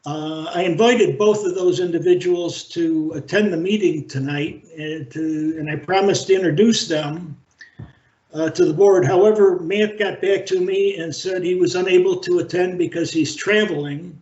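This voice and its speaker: A man chairing a library board meeting over a video call, speaking in a halting, measured way with frequent fillers. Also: high-pitched, a little mellow. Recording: roomy, dull video-call audio.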